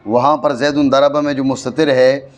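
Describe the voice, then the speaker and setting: A man with a Pakistani Urdu accent teaching a classroom grammar lesson, explaining slowly and often checking that his students follow. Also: medium pitch, flat delivery. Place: madrasa classroom.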